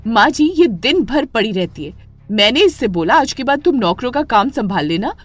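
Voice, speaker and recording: A woman voicing an arrogant, spoiled young wife in an animated story, ordering others about haughtily. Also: a little high, normal speed, faint music behind, voice pushed up. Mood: shrill. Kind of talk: storybook voice acting.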